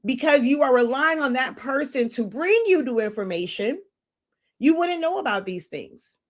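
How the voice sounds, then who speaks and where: A woman's voice: sits high, animated, normal speed. A woman mentor teaching live in a blunt, lecturing way, often stopping to search for a word. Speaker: business mentor on a livestream. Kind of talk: unscripted live teaching monologue.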